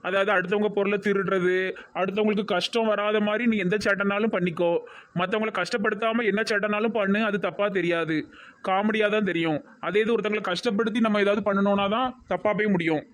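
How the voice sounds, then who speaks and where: A man voicing a gentle, preachy young husband in a cartoon, with a Tirunelveli Tamil accent and an earnest, pleading manner. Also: high voice, steady tone, a little fast.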